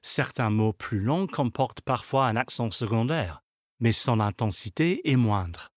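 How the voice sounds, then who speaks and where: Male instructor voice for a language course, unhurried, word-by-word delivery, dry studio read. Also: mid-range voice, expressive, dry recording. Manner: slow, measured, reads out example words one by one. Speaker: language lesson narrator. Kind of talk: scripted instructional narration.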